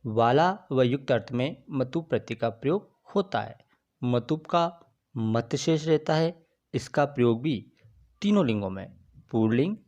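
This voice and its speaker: A man's voice: medium pitch, a little mellow, lo-fi sound. A man teaching a grammar lesson, patiently explaining and then answering his own questions.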